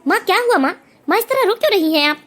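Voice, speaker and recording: A woman's voice: very high voice, expressive, quick pace. A woman voicing a devoted young son in a cartoon, speaking earnestly and pleadingly. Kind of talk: cartoon voice acting.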